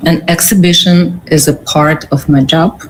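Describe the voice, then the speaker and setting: A woman with a Ukrainian accent, a curator answering interview questions earnestly, pausing and restarting often. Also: low-pitched, steady tone, slight background noise, low-quality recording. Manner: earnest, halting with pauses and restarts. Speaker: guest, curator.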